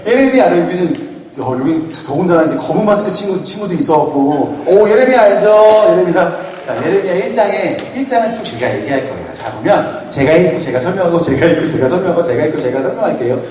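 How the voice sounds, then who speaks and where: A man in his thirties giving a playful, lively sermon at a retreat, often asking the audience questions. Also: sits high, fast. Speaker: retreat speaker. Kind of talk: lively youth sermon with jokes. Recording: echoey hall, mic from far off, faint noise.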